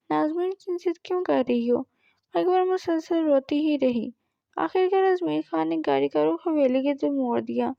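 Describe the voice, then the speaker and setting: High, gravelly woman narrating a novel. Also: dry recording, dull audio. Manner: even storytelling read.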